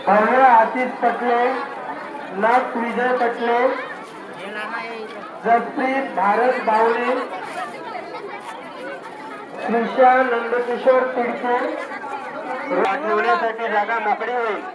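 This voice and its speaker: A man with a Vidarbha Marathi accent making formal public address announcements over an outdoor loudspeaker at a village festival, reading out names one by one. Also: very high voice, flat delivery, slow pace, pauses often. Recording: echoey loudspeaker from far off with crowd.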